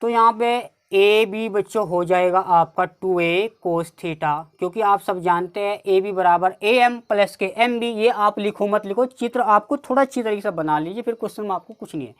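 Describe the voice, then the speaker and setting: A woman with a North Indian accent teaching a maths lesson step by step, often addressing her students as children. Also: medium pitch. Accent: Hindi-speaking North Indian. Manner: keeps addressing the class as "children", repeats steps slowly.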